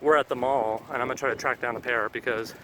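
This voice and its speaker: A man's voice: mid-range voice, fairly even intonation, fast, fairly bright tone. A man chatting casually as he vlogs out and about around shops and a mall, often checking in with a companion. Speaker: video game collecting vlogger. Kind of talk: casual vlog chat. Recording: noisy on-location vlog, traffic and ambience.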